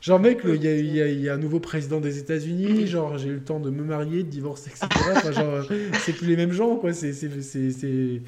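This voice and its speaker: Brief: male podcast host, relaxed joking banter, somewhat high pitch. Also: quick pace, hardly any pauses, a crowd in the background. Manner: lively, joking, laughs often. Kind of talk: casual chat.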